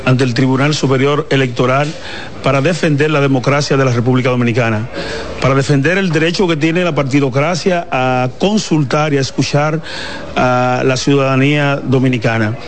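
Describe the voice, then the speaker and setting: A man's voice: medium pitch, normal speed. A man gives a firm, declaratory statement for the press. He speaks in a mid-range voice. He stresses each point as he talks. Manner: emphatic, declaratory. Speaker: party spokesman.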